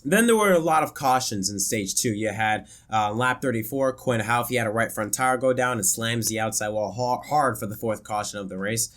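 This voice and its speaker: Brief: male YouTuber, stuffy and worn-out voice, rambling race recap, mid pitch. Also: normal speed, hardly any pauses, fairly bright tone. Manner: chatty, many fillers and restarts. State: congested, voice worn from illness. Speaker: racing commentary YouTuber. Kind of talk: casual race review.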